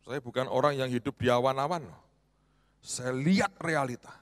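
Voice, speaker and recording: A man preaching a provocative sermon as a pastor, swinging between loud outbursts and hushed asides. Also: medium pitch, normal speed. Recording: reverberant hall.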